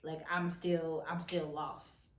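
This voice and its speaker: A woman telling her birth story in a casual, halting way. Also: deep voice, little pitch movement, a little hiss or hum. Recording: roomy sound.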